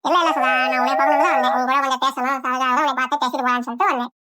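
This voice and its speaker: A woman's voice: high voice, fairly even intonation, rapid-fire, bright, forceful tone, no echo. A woman voicing a meddling, scheming neighbour in a cartoon, with a sly, gossipy manner. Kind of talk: cartoon voice acting.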